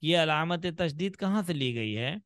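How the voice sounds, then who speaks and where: A man's voice: fairly high pitch, animated, a little slow, a bit bright, dry recording, clean studio sound. A man teaching children to read in an online class, patiently drawing out sounds as he demonstrates them. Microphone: video call.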